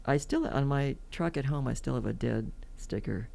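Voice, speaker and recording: With a very deep, creaky, mellow voice at normal speed, a woman in her seventies from California shares meandering anecdotes on a podcast. It's casual interview storytelling, full of laughter.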